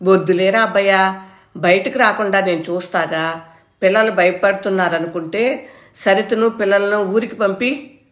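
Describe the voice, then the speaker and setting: A woman's voice: on the low side, normal speed, echoey room, natural voice. A woman voicing a fierce, protective older village mother-in-law who talks bluntly and scolds, in a storybook reading. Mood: pleading.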